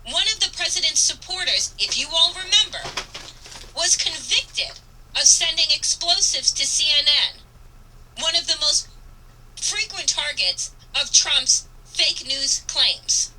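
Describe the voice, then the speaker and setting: Poor audio with a little hiss or hum captures a distant, high-pitched woman whose voice sounds animated, pushed and bright. She's a radio talk show host reading impassioned political commentary, hammering key phrases with earnest, deliberate, dramatic repetition.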